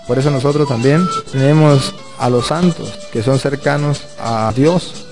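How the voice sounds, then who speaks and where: Male priest, earnest storytelling sermon, mid-pitched with gravelly edge. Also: a little slow. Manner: earnest, explaining through stories and questions. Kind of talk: preaching Bible teaching. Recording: music playing underneath.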